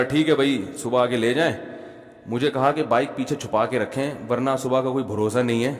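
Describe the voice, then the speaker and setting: A man with a Pakistani Urdu accent preaching a sermon, telling a funny personal story and often calling the audience brother. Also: medium pitch. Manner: humorous anecdotal, addresses audience as brother. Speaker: Islamic preacher. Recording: long hall reverb.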